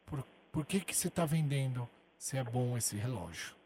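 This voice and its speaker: A man's voice: mid-range voice, expressive, moderate pace, a little mellow, a little hiss or hum. A male radio host making a prank call from the studio, teasing the other person and nagging him over and over. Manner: teasing, keeps repeating a nagging request.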